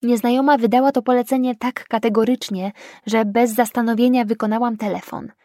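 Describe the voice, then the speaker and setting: Female audiobook narrator, first person, emotional and tense, fairly high voice, dry booth sound. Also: steady tone, fairly quick, mellow, no echo.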